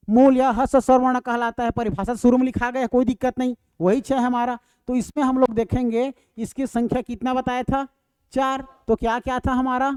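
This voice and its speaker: A man teaches a grammar class, going over each point again and again and checking that his students follow. His voice is smooth and resonant. The sound is dry, with no room echo. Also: very high-pitched, a little mellow.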